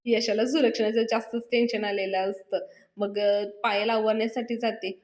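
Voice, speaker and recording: A woman recaps a television serial, telling the story with lively energy. Her voice sits fairly high. It carries a roomy echo. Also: normal speed. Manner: lively retelling, acting out the characters.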